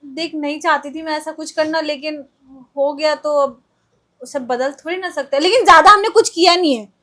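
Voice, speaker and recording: A woman playing a lonely middle-aged aunt who defends herself and tries to calm the quarrel in a comic family skit. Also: high voice, normal speed. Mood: defensive. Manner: defensive, coaxing.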